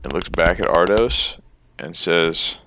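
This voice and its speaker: A man's voice: deep voice, slow pace, pushed and bright, a little hiss or hum. A man serving as game master, narrating a tabletop game with dry, teasing remarks.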